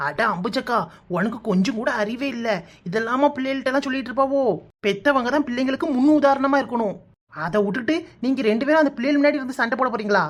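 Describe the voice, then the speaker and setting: A woman voicing a bossy, meddling young village woman in a cartoon, urging her friend on in a Kanyakumari accent. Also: high voice. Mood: pushy. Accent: Kanyakumari Tamil. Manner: rapid, pushy urging. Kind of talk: cartoon voice acting.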